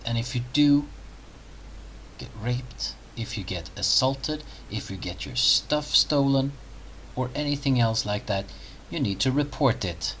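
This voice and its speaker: A man's voice: mid-range voice, measured pace, fairly bright tone, a little hiss or hum, poor audio. A man hosting a reaction commentary video, talking in a sarcastic, mocking way.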